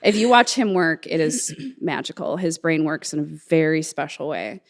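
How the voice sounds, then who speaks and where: A woman's voice: sits low, animated, normal speed. A woman guest, a musician, talking informally and earnestly in a reflective conversation, thinking aloud as she goes. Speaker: interview guest, musician and songwriter.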